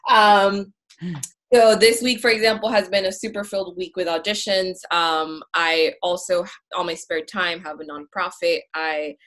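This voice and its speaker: A woman's voice: on the low side, fairly even intonation, unhurried, a bit bright. A woman in her twenties from Venezuela, raised in the United States, an actress talking openly and upbeat as a podcast guest. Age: 20s. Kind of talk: casual interview talk.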